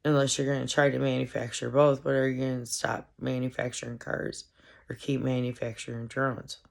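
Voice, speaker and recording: A woman with a stuffed-up, congested voice, rambling through a casual solo commentary with halting, meandering speech and many fillers. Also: a bass voice, flat delivery, vocal fry.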